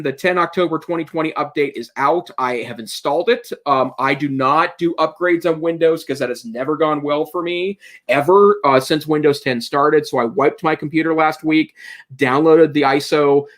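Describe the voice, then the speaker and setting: A man's voice: a little high, moderate pace, a bit bright. A man co-hosting an education technology podcast, giving earnest, opinionated advice in casual talk with frequent restarts. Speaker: podcast co-host. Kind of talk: casual tech chat.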